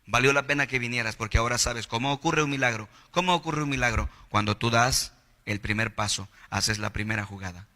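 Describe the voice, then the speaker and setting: A man with a Mexican Spanish accent preaching a sermon as pastor, animated, acting out the voices of the people he quotes. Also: medium pitch, a little fast. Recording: long hall reverb.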